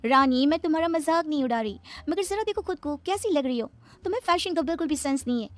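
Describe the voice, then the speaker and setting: A woman's voice: high voice, lively intonation, quick pace. A woman voicing a breezy, fashionable young daughter-in-law who mixes in English words. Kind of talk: animated storybook voice acting.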